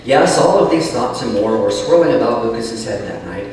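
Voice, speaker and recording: A man's voice: medium pitch, very animated, normal speed, a little mellow, recorded from a distance, slight background noise. A man chatting and then reading his own novel aloud, sounding like he is in a cave through a cheap mic. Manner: chatty, rambling asides. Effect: cave-like echo.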